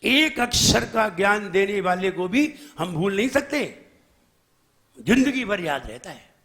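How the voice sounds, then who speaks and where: A man's voice: high-pitched, lively intonation, measured pace, a bit bright. A man, a Jain monk, preaching a sermon in a teacherly way, correcting pronunciation and asking rhetorical questions.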